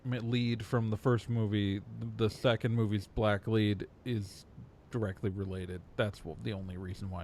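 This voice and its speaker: A man co-hosting a podcast in casual panel chat, rambling with frequent halting restarts. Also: fairly low pitch, a little mellow, slight background noise. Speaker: podcast co-host.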